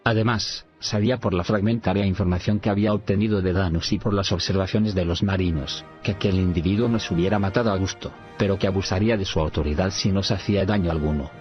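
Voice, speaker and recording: A male audiobook narrator reads in a measured way, even speaking punctuation aloud. His voice is very low, and faint music plays under a dull, lo-fi recording.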